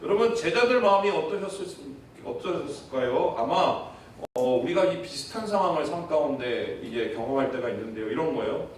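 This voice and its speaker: A male pastor preaching a Sunday sermon in a church, lively and conversational, often acting out what people say. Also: on the high side, fairly quick, few pauses, slight background noise. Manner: animated preaching, acting out quoted voices. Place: church sanctuary. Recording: echoey church, from far off.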